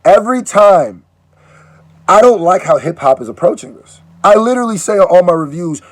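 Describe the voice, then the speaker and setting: A man's voice: high-pitched, a little fast, no echo. A man raised in Nigeria hosting a casual reaction video, joking and cutting in often. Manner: animated, joking, interjecting. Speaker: YouTube reaction host.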